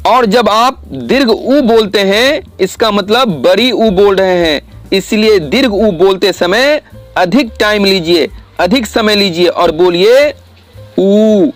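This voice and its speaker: High-voiced man teaching slowly. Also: animated, fairly bright tone, faint music behind. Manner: slow, careful explanation with drawn-out vowel sounds. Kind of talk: classroom lesson to children.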